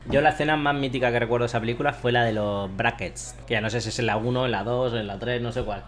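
A man's voice: mid-range voice, fairly even intonation, fast, a bit bright. A man chatting casually with friends, laughing often and telling stories with animation. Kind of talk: casual chat among friends.

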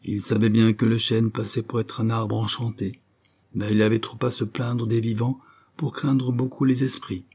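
Audiobook narrator, man, measured reading, dark mellow tone. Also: lowish voice, little pitch movement, breathy edge. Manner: measured, storytelling. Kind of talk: scripted literary narration.

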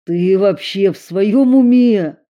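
Woman narrator as a shouty teen boy, dark tone. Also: medium pitch, slow, close to an everyday voice. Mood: angry. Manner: loud exclamations. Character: excitable teenage boy, quick to shout.

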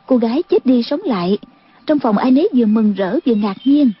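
Breathy woman narrating an audiobook. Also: on the high side, brisk. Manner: steady storytelling delivery. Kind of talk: scripted narration. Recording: dull lo-fi audiobook recording.

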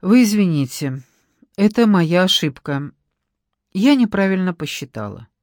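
A flustered, apologetic shop worker, speaking hesitantly in a lowered, muffled voice, as a female reader puts her on. The audiobook recording is dry and close. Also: lively intonation, a little slow, a little mellow, no room sound.

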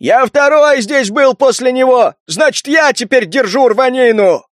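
A man voicing a hulking, hostile crocodile mutant gang boss who talks gruffly and picks fights. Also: extremely high pitch, expressive, unhurried, no room sound, clean studio sound, voice pushed up. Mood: defiant. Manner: gruff, belligerent, challenging.

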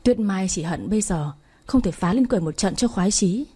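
A woman narrating a romance story in a calm, even storytelling manner. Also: medium pitch, a little fast, slightly rough.

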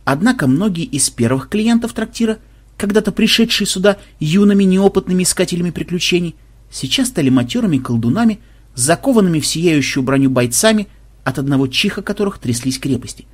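Male audiobook narrator; slightly high, husky, lively and ironic reading. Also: brisk. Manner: expressive, ironic.

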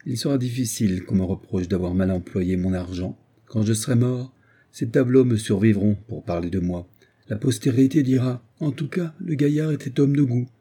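A man's voice: medium pitch, moderate pace, dark tone, slightly rough. A man voicing a smug, wealthy male heir who boasts in a declamatory way. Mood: boastful.

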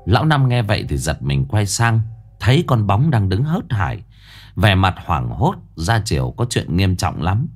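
Lively male ghost-story narrator. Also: low voice, normal speed, soft background music.

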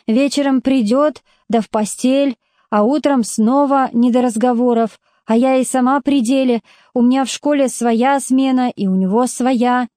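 A woman's voice: high voice, fairly even intonation, normal speed, warm tone, dry recording, clean studio sound, natural voice. A woman voicing a plainspoken working-class mother, blunt, stubborn and speaking in homely folk speech, in a storybook reading. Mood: defiant.

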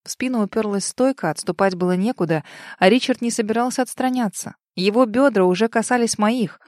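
A woman narrating a first-person audiobook in an expressive, emotional way. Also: medium pitch, brisk, dry recording, clean studio sound.

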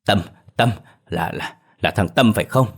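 A man voicing an anxious middle-aged mother in a horror story, stammering and scolding in his own low voice. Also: moderate pace, vocal fry, a bit bright, husky, heavily acted. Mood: startled. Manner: stammering then fretful scolding.

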